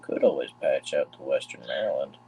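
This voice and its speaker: A man with a very deep, gravelly voice, chatting casually and thinking aloud while he works on models during a livestream. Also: lively intonation, brisk, dark tone, slight background noise, rough recording. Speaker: livestream host building model trains. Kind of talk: casual chat while working.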